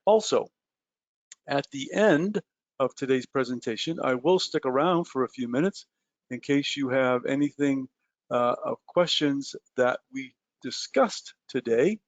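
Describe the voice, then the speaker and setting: A man's voice: mid-range voice, expressive, unhurried, no room sound. A man leads a live trading webinar, speaking straight to his listeners with plenty of "uh" and "um" as he goes. His voice sits in a middling register. The audio is dry and a little muffled, like a basic webinar feed. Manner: conversational, many "uh" and "um" fillers, addresses listeners directly. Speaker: webinar presenter.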